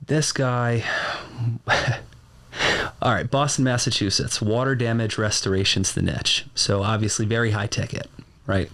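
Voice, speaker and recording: A man's voice: fairly low pitch, fairly even intonation, a little slow, long pauses, a bit bright. A man telling stories as a guest in a studio podcast interview, in a matter-of-fact way. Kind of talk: casual interview.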